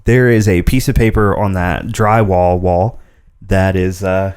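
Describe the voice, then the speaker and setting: Low-voiced young man, loose podcast banter. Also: steady tone, a little slow, a little mellow, smooth, no room sound, clean studio sound. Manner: rambling, laughs often. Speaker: podcast co-host. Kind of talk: casual banter. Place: spare-room home office studio.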